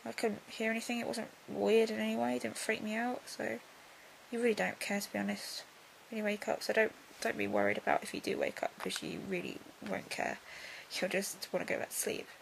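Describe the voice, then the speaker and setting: A young woman talking casually in a video diary, subdued and drowsy as she recovers from surgery, her voice creaky and breaking into breath. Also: medium pitch, lively intonation, a little fast, slight background noise, poor audio. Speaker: vlogger.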